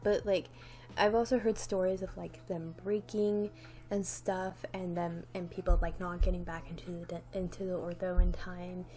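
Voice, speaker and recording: Against soft background music, a young woman vlogs casually to the camera in a warm, lowish voice with flat delivery and a moderate pace. Her new retainer causes a slight lisp, and her talk rambles, full of "like"s, restarts, and light laughter.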